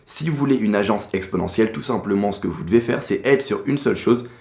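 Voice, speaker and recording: A man with a fairly low voice gives business advice in a relaxed vlog, loose and repetitive, with lots of filler words. The room around him gives a noticeable echo. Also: fast talker, gravelly. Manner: loose and repetitive, many fillers like "du coup" and "en fait". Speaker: agency owner giving business advice. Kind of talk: casual talking-head advice vlog.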